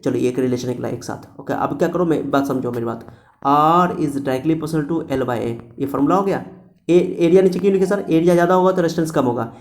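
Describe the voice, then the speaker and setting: A man's voice: on the high side, a little mellow. A man teaching a physics lecture to students, repeating key points and asking and answering his own questions. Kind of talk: classroom-style lecture to students.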